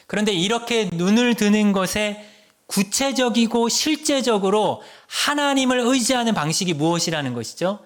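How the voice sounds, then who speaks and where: A male pastor giving a sermon, asking the congregation questions and dropping to a soft hush at the ends of phrases. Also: high voice. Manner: earnest preaching with rhetorical questions to the congregation.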